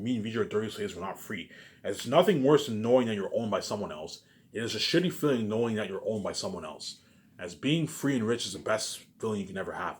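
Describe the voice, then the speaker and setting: Speaking very quickly in a fairly low voice, a male vlogger rambles off the cuff to his viewers. His rant is heavy on profanity, and he keeps circling back to the same phrases while tacking short verbal tags onto his sentences.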